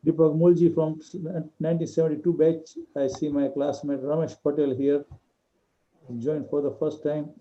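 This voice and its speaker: Very mellow man in his seventies. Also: a little high, flat delivery, normal speed. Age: 70s. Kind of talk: career self-introduction on a group call. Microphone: video call. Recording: dull lo-fi call audio.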